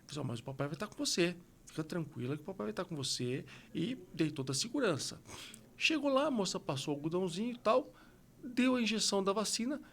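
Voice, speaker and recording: A man with a Brazilian Portuguese accent hosting a podcast conversation, telling stories in an animated way and acting out quotes. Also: high-pitched, fast talker, creaky. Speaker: podcast host.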